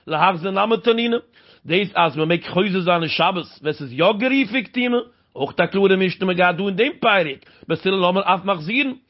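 A man's voice: sits high, animated, moderate pace. A man works through a Talmud passage in a sing-song teaching cadence. He keeps posing rhetorical questions and answering them himself. The recording sounds dull and lo-fi. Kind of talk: Talmud study lecture.

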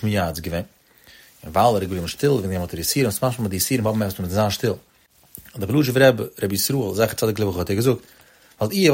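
A man with a husky, slightly breathy voice gives a Torah lecture at a brisk pace. He pronounces the way. He draws out the verses he quotes, then hurries through his explanation of them. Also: mid-range voice. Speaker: Torah teacher.

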